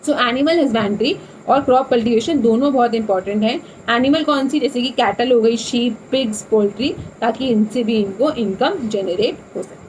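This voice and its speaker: A woman's voice: fairly high pitch, moderate pace, a little mellow, slight background noise, low-quality recording. A young woman teaching an exam revision lesson, explaining in a talky way and repeating key points, mixing Hindi with English terms.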